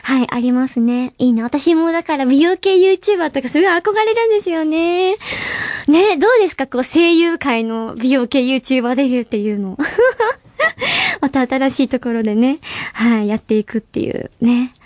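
A young woman hosts a radio program, chatting casually about listener mail with a bubbly, giggly manner. Her voice sits high. The studio sound is close and dry. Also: big pitch swings, moderate pace, no echo. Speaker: radio show host. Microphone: studio mic.

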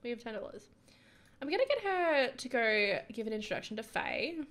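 A woman giving casual, chatty commentary over life-sim gameplay, excitable, with frequent whispered asides. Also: on the high side, normal speed. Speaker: gaming YouTuber.

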